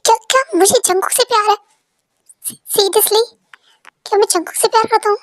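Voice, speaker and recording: A woman's voice: very high voice, brisk, fairly bright tone, no echo, studio quality, voice pushed up. A woman voicing a shy, jealous young man in love, in a fan-dubbed story, pleading and emotional. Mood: yearning.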